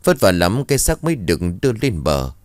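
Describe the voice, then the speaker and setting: Deep-voiced man telling a somber story. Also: huge pitch swings, fairly quick, dry recording, studio quality. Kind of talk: scripted story narration.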